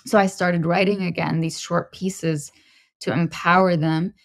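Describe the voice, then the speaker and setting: A woman in her thirties from Lebanon, a podcast guest telling her personal story in a measured, introspective way. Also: lowish voice, flat delivery, vocal fry, no room sound, clean studio sound. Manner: measured and introspective, pausing to find words.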